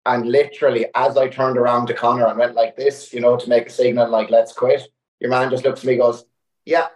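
A young man tells a long story in relaxed conversation, peppering it with "like". His pitch stays quite flat and even, and the room around him sounds echoey. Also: fairly quick. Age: young adult. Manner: animated anecdote-telling with many "like" fillers. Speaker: guest angler. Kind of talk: casual storytelling.

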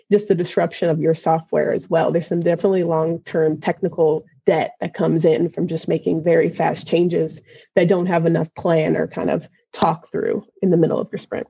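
A woman with a low, husky voice talks through project management in a relaxed podcast chat. She slips into lively quoted voices of her teammates as she explains. The sound is close and dry. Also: no room sound, muffled recording. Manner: animated, acts out team voices in quotes. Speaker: guest, program manager.

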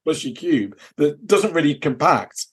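A man with a fairly high, sing-song, slightly rough voice speaks at a measured pace. Co-hosting a podcast, he recounts a convention visit in casual off-the-record chat, hesitant and meandering, with plenty of "you know" and "kind of."

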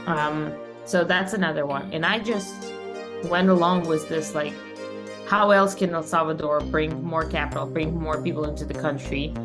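A woman's voice: low voice, steady tone, normal speed, music in the background. A young woman from Russia, a podcast guest, talking energetically and emphatically with frequent fillers in a conversational interview. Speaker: podcast guest, company founder.

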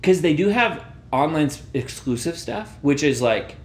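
A man's voice: a little high, normal speed, reverberant. A man co-hosting a casual podcast chat, ranting and acting out reactions. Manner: animated, acts out reactions. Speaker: podcast co-host.

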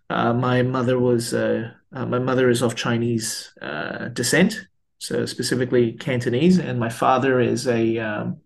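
A priest in his thirties from Malaysia recounts his life story as an interview guest. He speaks in a mid-range voice with a gravelly texture, pausing often on fillers and restarting his sentences as he thinks. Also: medium pitch. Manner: hesitant, many fillers and restarts.

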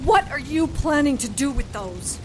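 A woman's voice: high-pitched, very animated, moderate pace, background noise. A woman voicing a defiant young witch held captive, who answers her captors with sarcasm and curses. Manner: defiant, sarcastic, foul-mouthed.

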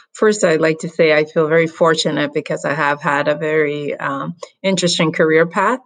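A woman from the Dominican Republic, a guest on a video call, telling her career story in an upbeat, measured way with some fillers. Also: deep voice. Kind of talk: interview answers.

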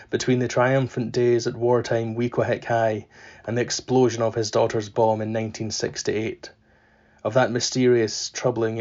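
A man reading a passage of literary fiction aloud for his podcast, in a measured, unhurried way with deliberate pauses. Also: medium pitch, a little mellow, dull audio. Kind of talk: literary reading with spoken afterword.

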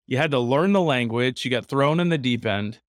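A man's voice: medium pitch, fairly quick, no echo, clean studio sound. A man hosting a casual podcast interview, eager and often restarting his sentences. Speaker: podcast host.

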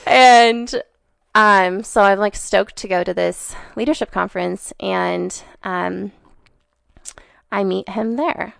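A young woman in her twenties talks as a podcast guest, animated and loose, leaning on "like" and dropping swear words in passing. Her voice carries a gravelly fry. The sound is dry and close, with no room around it. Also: mid-range voice, slow, dry recording. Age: 20s. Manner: chatty and animated, heavy on "like", swears casually. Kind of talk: casual chat.

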